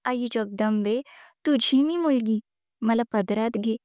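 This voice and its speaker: A woman's voice: fairly high pitch, takes it slowly, darkish tone, clean tone, no room sound, clean studio sound. A woman narrator voicing a devout young wife who tearfully begs the gods to spare her husband. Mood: pleading. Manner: pleading, tearful prayer.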